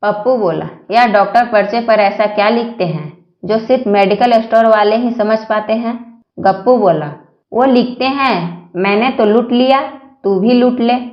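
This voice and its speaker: A woman's voice: a little high, unhurried. A woman reading a string of short jokes aloud, voicing every character in the same plain voice. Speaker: joke reader. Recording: echoey lo-fi recording.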